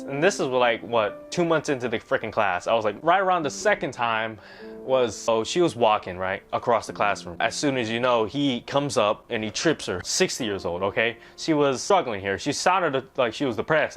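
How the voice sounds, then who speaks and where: A man's voice: medium pitch, a bit bright. A young man in a casual vlog, rambling through questions and school stories and tagging his sentences with "right?". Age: young adult. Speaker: vlogger.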